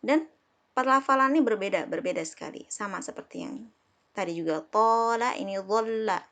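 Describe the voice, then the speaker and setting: A woman from Indonesia teaches a class lesson in a voice of ordinary height for a woman. She speaks patiently, repeats herself often and slowly sounds out each letter and example word. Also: mid-range voice, creaky, a bit bright. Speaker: Arabic teacher.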